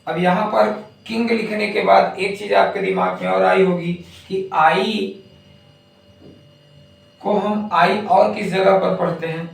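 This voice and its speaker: A man's voice: sits high, fairly even intonation, slow, vocal fry. A man teaching English phonics, spelling out words letter by letter and then saying them. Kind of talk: phonics lesson. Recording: echoey room, distant mic.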